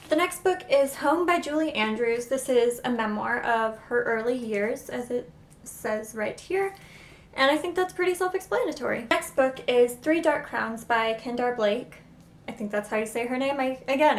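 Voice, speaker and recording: Young female vlogger, chatty and self-deprecating, a bit high, recorded on camera mic in a roomy space. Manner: self-deprecating, unsure of pronunciations; chatty, excitable. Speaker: booktuber. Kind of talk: casual book haul vlog. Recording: echoey room.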